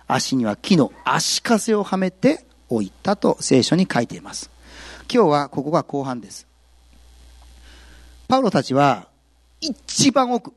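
A male pastor giving a sermon, telling the story with lively, acted-out quotes. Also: on the high side, no room sound. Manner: animated storytelling, acts out quotes.

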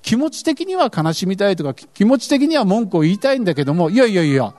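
High, animated preaching man. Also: quick pace. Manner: earnest, asks the congregation questions. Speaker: pastor. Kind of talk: sermon.

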